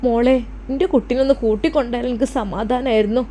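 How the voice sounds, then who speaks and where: A woman's voice: on the high side, fairly even intonation, quick pace, warm tone, slight background noise, close to an everyday voice. A woman doing a loving, anxious old village mother. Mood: gentle. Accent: Malappuram Malayalam. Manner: tender, pleading, calls her daughter dear.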